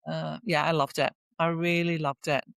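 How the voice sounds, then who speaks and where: This Flemish woman from Belgium, a native Flemish Dutch speaker who lectures in tourism, joins a podcast for a casual, enthusiastic personal chat. Her deep, gravelly voice has a flat delivery at normal speed, in a dry, clean studio recording.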